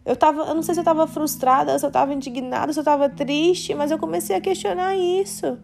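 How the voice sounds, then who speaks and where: A woman's voice: sits high, steady tone, fast talker, gravelly, a little mellow, slight background noise. A Brazilian woman in her late twenties hosting a podcast, speaking in a candid, confessional and faith-centered way, with casual slang. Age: late 20s. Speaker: podcast host. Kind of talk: candid personal monologue.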